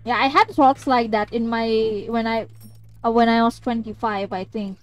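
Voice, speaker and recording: A woman's voice: fairly high pitch, steady tone, moderate pace. A young woman streamer chatting casually while she plays, talking to her chat and breaking into bits of song. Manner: chatty, sings snatches of songs, talks to chat. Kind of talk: live game commentary.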